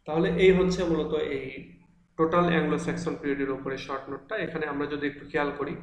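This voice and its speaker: A male teacher giving an online class from an empty room that echoes, explaining patiently with frequent fillers and restarts. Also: a little high. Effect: echo from an empty room. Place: large, mostly empty room.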